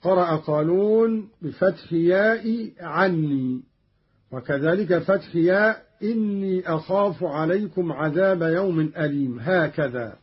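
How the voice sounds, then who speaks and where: A man giving a Quran recitation lesson, chanting verses slowly and melodically between plain explanations of the reading, from an old radio archive. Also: a little high, husky. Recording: dull lo-fi archive radio recording.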